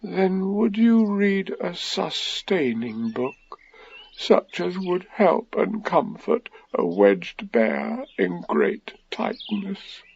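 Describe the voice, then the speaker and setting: A man voicing a slow, doleful, greedy toy bear in a children's storybook, with drawn-out, plaintive speech. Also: sits high, lo-fi sound, pitched above the performer's own voice. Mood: gloomy.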